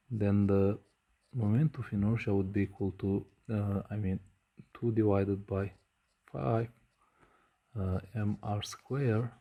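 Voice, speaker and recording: Slow, deep-toned man lecturing. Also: vocal fry, dark tone. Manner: slow, measured, frequent hesitations with uh. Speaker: physics lecturer. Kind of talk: whiteboard lecture.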